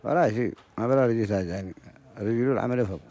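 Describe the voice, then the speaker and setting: A man's voice: medium pitch, very fast, dark tone. Yemeni man rattling off short answers. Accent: Yemeni Arabic. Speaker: guest. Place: outdoor market.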